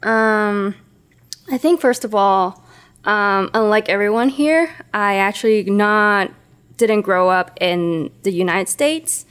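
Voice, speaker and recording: Woman, smooth clear voice, reflective, hesitant storytelling. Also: medium pitch, slow pace, a bit bright. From Hong Kong. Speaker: podcast co-host. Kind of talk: casual podcast storytelling.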